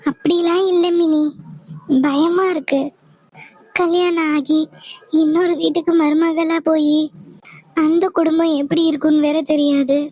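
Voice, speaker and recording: A woman's voice: high-pitched, little pitch movement, unhurried, pauses often, mellow. A woman voicing a young bride-to-be in a cartoon, pleading and defiant about her arranged marriage. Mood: worried. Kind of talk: cartoon voice acting.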